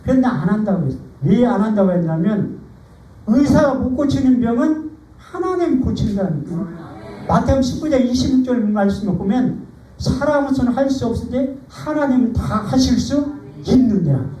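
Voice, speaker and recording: A middle-aged man preaches in a church, sharing a personal testimony in an animated, storytelling way. His voice is mellow and swings widely in pitch. The sound is roomy and a bit distant, as if captured from back in an echoey church hall. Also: moderate pace. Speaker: pastor. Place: church sanctuary.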